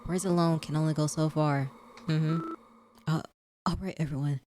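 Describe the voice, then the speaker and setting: A woman's voice: deep voice, steady tone, moderate pace, mellow, slight background noise. Chatty woman playing through a story game. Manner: casual, chatty, slangy asides between read lines. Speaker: let's-play host. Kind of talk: reading and reacting to a visual novel.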